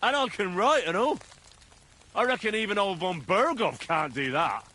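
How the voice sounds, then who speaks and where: A man's voice: sits high, lively intonation, moderate pace, bright, forceful tone, exaggerated voice. An actor playing a boastful, cocky young man in a video game, bragging and swearing as he drinks.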